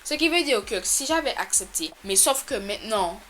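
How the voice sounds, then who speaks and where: Bright-voiced woman, animated storytime. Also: moderate pace, slight background noise. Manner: animated, exasperated storytelling with sudden loud pitch jumps. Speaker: YouTuber telling a storytime. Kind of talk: casual storytime vlog. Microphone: camera mic.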